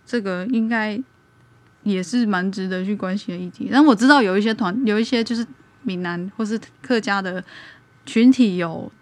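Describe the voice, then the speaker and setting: A woman's voice: medium pitch, normal speed, no echo. A woman hosting a podcast, explaining her views earnestly in casual chat. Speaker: podcast host.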